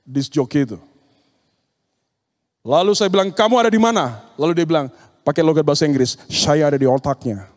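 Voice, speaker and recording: A man's voice: on the high side, lively intonation, fairly quick, long pauses. A man giving a seminar sermon, telling stories and acting out the dialogues in them. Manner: storytelling, acts out dialogues with demons and youths. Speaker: speaker at an occult seminar. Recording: long reverb of a large hall.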